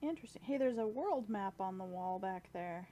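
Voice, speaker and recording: A woman's voice: mid-range voice, expressive, normal speed, warm tone, slight background noise. A woman streaming a game playthrough, reading and translating dialogue in a casual, thinking-aloud way with fillers. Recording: faint game music behind.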